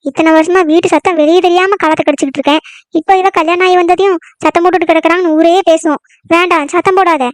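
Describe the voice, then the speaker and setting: A woman's voice: very high voice, fairly even intonation, fast talker, no room sound. A woman voicing a scheming village mother-in-law in a cartoon, who talks meek and soothing but makes sly asides. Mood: falsely meek. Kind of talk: cartoon comedy voice acting.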